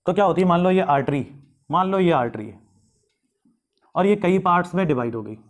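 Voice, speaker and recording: A man's voice: high-pitched, brisk. A man teaching biology, asking questions aloud and answering them himself, drawing out key terms. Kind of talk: classroom lecture.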